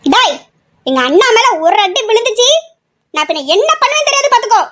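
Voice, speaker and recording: A woman's voice: very high voice, moderate pace. A young woman voicing female college students in an amateur audio drama, with a scolding, reassuring manner. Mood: protective.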